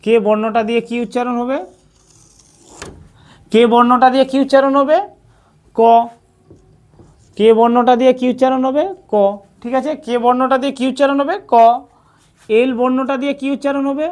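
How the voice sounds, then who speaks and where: A woman teaches a beginners' lesson in a patient, repetitive way. She asks a question, pauses, then answers it herself. She keeps checking in with the same short "all right" phrase. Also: sits high, fairly even intonation, darkish tone. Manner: repeats "ঠিক আছে" often. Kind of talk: scripted narration.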